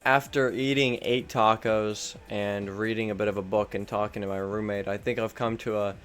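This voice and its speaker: A young man rambles through a true story, cursing and making fun of himself along the way. His voice is fairly low, steady and fairly bright, at a normal speed, with soft music in the background.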